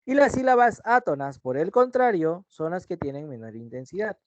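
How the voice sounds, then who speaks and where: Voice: medium pitch, lively intonation, normal speed, dry recording, lo-fi sound. A teacher giving an online language lesson over a video call, explaining step by step and often checking in with short tag questions.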